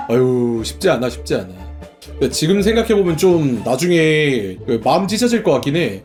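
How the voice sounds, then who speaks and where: A young man sits in his room at home and chats casually with his viewers, thinking out loud in a playful way. His voice sits a little high and swings widely in pitch, full of animation. Soft background music plays faintly beneath him. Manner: chatty, playful, muses aloud. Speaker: streamer.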